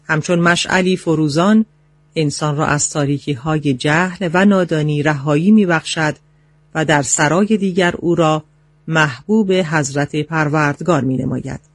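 A male announcer reading a scripted, formal introduction in a smooth announcing manner. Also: a little high, dry recording. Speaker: radio announcer. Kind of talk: scripted narration.

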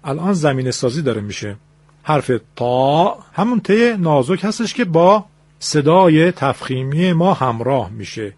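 A man's voice: on the high side, very animated, a little mellow, no room sound. A man teaching pronunciation in a radio lesson, explaining patiently in a formal, polite way and demonstrating each sound aloud.

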